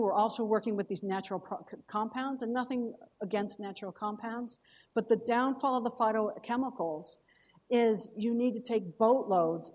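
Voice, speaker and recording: A cancer researcher gives an academic lecture in a voice on the high side and a little mellow. She explains the science conversationally and checks in with her audience.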